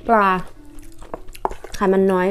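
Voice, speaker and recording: A woman's voice: slow pace, faint music behind. A woman from Thailand chatting casually in a food vlog while chewing, her mouth full. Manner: chatty, refers to herself by nickname. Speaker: vlogger.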